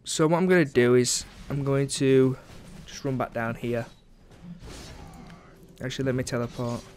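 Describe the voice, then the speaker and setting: A young man talks through his own match at a desk mic, chatty and sarcastic, with a middle-pitched voice. There is a faint hum of room ambience behind him. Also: moderate pace, darkish tone. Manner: chatty, sarcastic, mocks teammates, frequent ums. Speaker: gameplay commentator. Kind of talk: casual game commentary.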